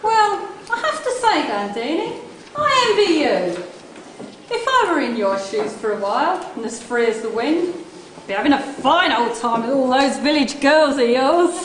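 Woman playing a high-voiced, regal pantomime prince. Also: sing-song, moderate pace. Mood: eager, stagey. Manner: declamatory, stagey. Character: genial, regal young Prince Charming, pantomime principal boy. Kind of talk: stage pantomime acting. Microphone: far camera. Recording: echoey hall, slight noise.

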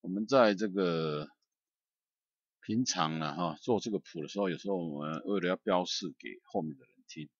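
Man, software tutorial, extremely low voice, dull dry recording. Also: moderate pace, husky, no echo. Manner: loose, chatty, many "ah" and "hao" fillers. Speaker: music software instructor.

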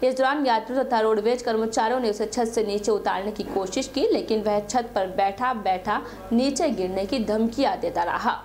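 A woman's voice: a little high, normal speed, darkish tone, slight background noise. A young adult woman working as a news anchor, reading scripted news narration.

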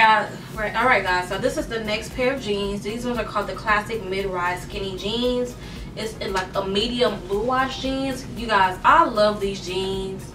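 A young woman vlogger chats casually during a clothing try-on haul in her bedroom, sounding tired and out of breath and using lots of fillers and "y'all." Her voice is medium pitched and recorded off the mic from a distance, with a roomy echo and background noise.

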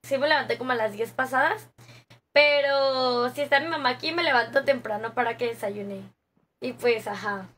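A woman's voice: on the high side, moderate pace, fairly bright tone. A young woman with a Mexican accent, chatting casually with viewers on a gaming stream, slangy and laughing often. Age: young adult. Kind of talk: casual live-stream chat reading viewer comments.

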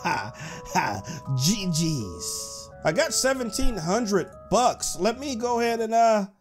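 An excitable man narrates his own game in the manner of a let's-play YouTuber, teasing other players between giggles. His voice sits high and swoops lively up and down. Game music plays clearly behind him. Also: takes it slowly. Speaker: gaming YouTuber.

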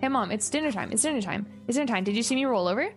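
Girl doing a clingy puppy voice, whiny, keeps pleading for dinner, kinda quiet. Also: a little high, expressive, rapid-fire, faint music behind. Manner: repetitive, pleading, soft. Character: needy begging pet dog, whiny and clingy.

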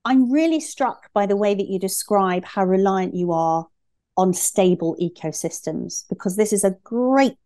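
A woman hosts a podcast interview, asking questions in a chatty, engaged way. Her voice is warm and mellow at a middle pitch. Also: lively intonation, normal speed. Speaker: podcast host.

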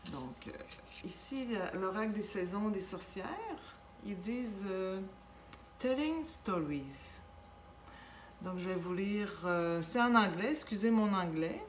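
A woman with a Québécois accent giving a casual tarot reading, gentle and reassuring, with many fillers and restarts. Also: medium pitch, animated, slow. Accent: Québécois French. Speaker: tarot reader. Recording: echoey room with faint background noise.

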